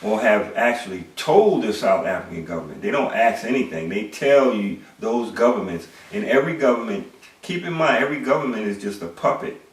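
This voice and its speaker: A man's voice: on the low side, animated, a little fast, recorded from a distance. A middle-aged man delivering an emphatic monologue lecture, posing rhetorical questions and repeating words. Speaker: commentator. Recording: echoey room, away from the mic.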